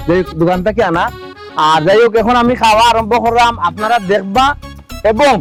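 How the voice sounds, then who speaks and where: A man's voice: high-pitched, brisk, soft background music, natural voice. An actor with a Sylheti accent playing a showy village husband who talks to his viewers like a vlogger while he eats fish. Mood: showing off. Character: boastful village husband eating raw fish for views. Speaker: husband filming a food video.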